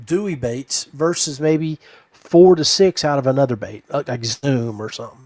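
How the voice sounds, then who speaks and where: A podcast host with a medium-pitched, darkish voice talks at a normal speed, with no echo. He chats casually about fishing gear and addresses his listeners in a folksy way.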